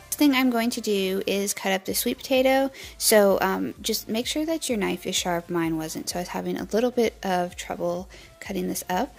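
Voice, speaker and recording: A young woman casually narrates her cooking, one step after another, in a relaxed and easygoing way. Her voice sits at an ordinary middle pitch with a gravelly texture. Soft music plays faintly beneath her. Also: normal speed, low-quality recording. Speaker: cooking vlogger. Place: home kitchen.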